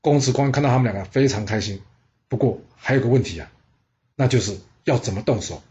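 A man telling history stories in a lively, conversational narration. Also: medium pitch, fast, highs cut off. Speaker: storyteller. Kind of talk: scripted history storytelling.

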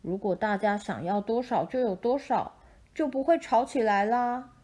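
A woman's voice: on the high side, normal speed, mellow, close to an everyday voice. A woman voicing a fox who complains in a whiny, blaming way.

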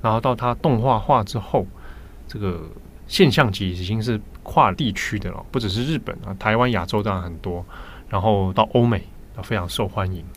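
A man with a Taiwanese Mandarin accent, hosting a podcast and telling stories in a relaxed, chatty way. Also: on the low side, moderate pace, a little hiss or hum. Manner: chatty storytelling, laughs easily. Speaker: podcast host. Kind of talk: casual chat.

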